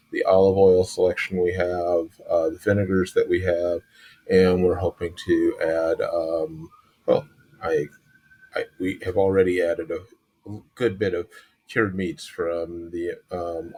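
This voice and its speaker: On a podcast, a Chicago man in his sixties tells his story at an easy pace, his Chicago accent plain and his voice sitting low. He often pauses mid-thought, searching for the right words, in a relaxed interview.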